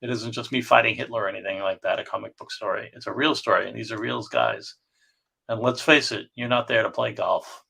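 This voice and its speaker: Gravelly, bright-voiced man chatting casually. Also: on the low side, fairly quick. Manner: animated, reads comic lines aloud in funny voices. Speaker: co-host touring comic art. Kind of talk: casual chat.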